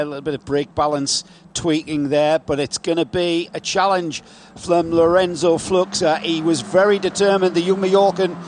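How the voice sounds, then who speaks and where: Male motorsport commentator, higher-pitched voice. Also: slight background noise. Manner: motorsport commentator calling moves as they happen. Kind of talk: live race commentary.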